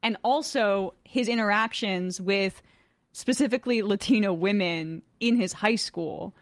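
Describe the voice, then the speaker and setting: A woman co-hosting, giving animated casual commentary on a video clip. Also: mid-range voice, measured pace, no echo. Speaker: co-host.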